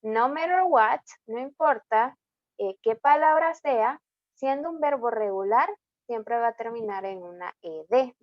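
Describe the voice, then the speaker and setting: A Salvadoran woman tutors an online English lesson, mixing Spanish and English and checking in with a frequent "ok?". Her voice sits slightly high and moves at a slow, patient pace. The dry, dull audio sounds like a computer mic in a video class. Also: no echo. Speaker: English teacher.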